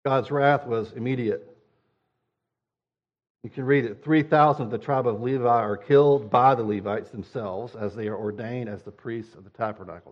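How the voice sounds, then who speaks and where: Male pastor, mid-pitched, conversational sermon delivery, slightly muffled sound. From United States. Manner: conversational preaching, acting out whiny quotes.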